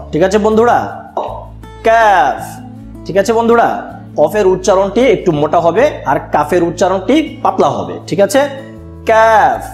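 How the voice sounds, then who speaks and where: A man teaching young children an online lesson. He talks slowly and patiently and repeats each sound for the children to copy. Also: sits high, a little mellow, echoey room.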